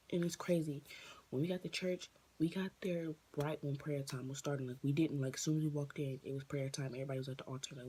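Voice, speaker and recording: A woman telling a personal story on her vlog, emotional and near tears, halting with many fillers and restarts. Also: extremely low pitch, warm tone, slight background noise. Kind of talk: casual storytime monologue.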